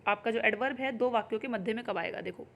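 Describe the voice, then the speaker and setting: A woman's voice: fairly high pitch, dull audio, slight background noise. Hindi-speaking woman teaching grammar. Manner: explains in Hindi, reads English examples slowly. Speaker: English teacher. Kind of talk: exam-prep grammar lesson.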